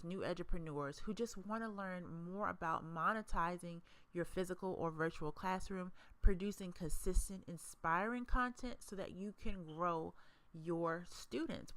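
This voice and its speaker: A woman hosting a mastermind program, who pitches it with enthusiasm, stacks up emphatic adjectives and speaks straight to the listener. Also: fairly bright tone, no room sound. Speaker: educator and mastermind host. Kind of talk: promotional presentation.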